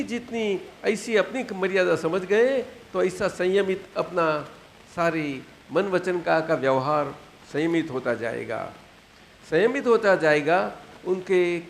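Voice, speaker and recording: An elderly man in his eighties with a Gujarati accent teaches his disciples at a satsang. His voice is high and gravelly, his pitch rises and falls with lively swings, and he speaks slowly, repeating himself and asking if they follow. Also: a little hiss or hum. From Gujarat, India. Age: 80s. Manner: unhurried, repeats phrases and checks understanding. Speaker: spiritual teacher. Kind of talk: spiritual discourse to disciples. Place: satsang gathering hall.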